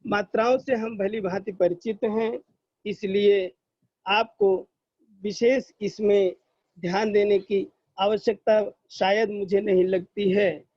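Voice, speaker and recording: A man with a fairly high voice teaches children grammar in an online lesson, explaining patiently and stretching out the sounds he demonstrates. The recording is dry and dull, with little high end. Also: fairly even intonation, no room sound. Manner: slow, patient explaining, drawing out sounds as examples.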